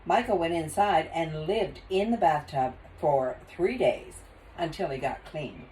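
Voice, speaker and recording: An older woman reading a children's storybook aloud in an expressive grandmotherly way. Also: low voice, measured pace, slight background noise, poor audio.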